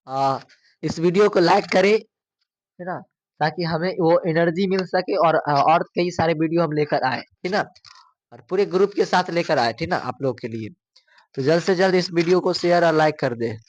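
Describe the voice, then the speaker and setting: A man's voice: fairly high pitch, normal speed. A male coaching teacher, running through exam questions, repeating each one and asking students for the answer.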